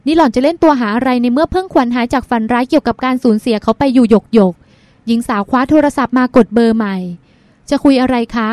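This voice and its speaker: A woman narrating a novel, reading in a steady, expressive way. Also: on the high side, quick pace, no echo. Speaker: audiobook narrator. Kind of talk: scripted narration.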